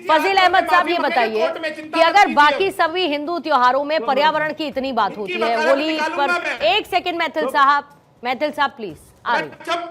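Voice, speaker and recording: A woman's voice: high voice, normal speed, a loud crowd. A woman anchoring a heated TV news debate, cutting in and pressing her questions again and again. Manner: insistent, repeats questions and cuts in. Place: TV news studio.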